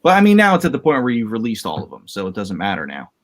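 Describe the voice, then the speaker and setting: A man co-hosting a relaxed podcast, talking things through out loud. His pitch moves a lot, giving his speech a lively, animated lift. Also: quick pace. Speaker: podcast co-host. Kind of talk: casual chat.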